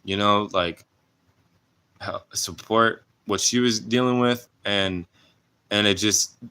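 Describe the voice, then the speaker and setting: Deep, bright-toned man reflecting earnestly. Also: fairly even intonation, smooth. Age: 20s. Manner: earnest, halting, many restarts and fillers. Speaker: vlogger. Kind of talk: reflective personal vlog.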